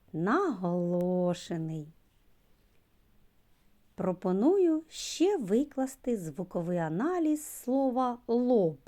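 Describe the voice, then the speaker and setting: Woman preschool teacher, super slow and sing-songy, stretches every sound, low-ish mellow voice. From Ukraine. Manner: sing-song, stretches sounds and key words. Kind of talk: slow literacy lesson for young children.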